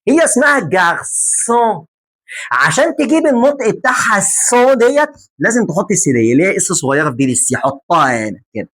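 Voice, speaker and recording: Animated Egyptian teacher drilling words. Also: male voice, sits high. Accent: Egyptian Arabic. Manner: animated, jokey, drills words by repeating them slowly. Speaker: French teacher. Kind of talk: lively classroom lesson.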